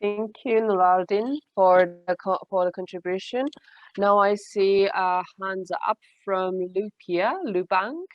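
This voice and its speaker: A woman moderating an online forum, polite and measured, speaking through a headset on a video call. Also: mid-range voice, fairly even intonation, no room sound, dull audio.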